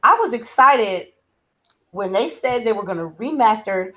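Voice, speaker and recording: Excited slangy woman hosting a gamer podcast. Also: fairly high pitch, a little slow, rough recording. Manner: enthusiastic, slangy gamer talk. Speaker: podcast host. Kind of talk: casual group chat over a call.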